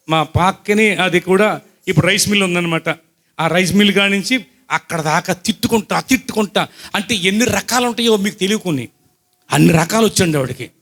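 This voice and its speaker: A high-voiced man preaching to his congregation, mixing personal testimony with scripture. He tells his story with questions to the listeners and shifts from loud, excited bursts to quiet asides.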